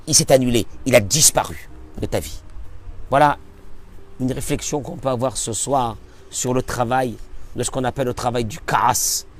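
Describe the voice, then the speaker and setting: A man, a rabbi, giving a spoken Torah lesson, emphatic, asking and answering his own questions, swinging from near-shouts to hushed asides. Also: medium pitch. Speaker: rabbi teaching a Torah class.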